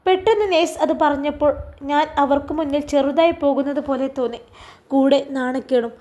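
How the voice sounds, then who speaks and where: A woman from Kerala narrating an emotional story in a soft, earnest manner. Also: high voice, steady tone, a little fast.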